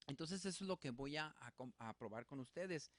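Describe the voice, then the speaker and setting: A man teaching a Bible study in a relaxed spoken way, working through examples with many fillers and restarts. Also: a little high, moderate pace, no room sound.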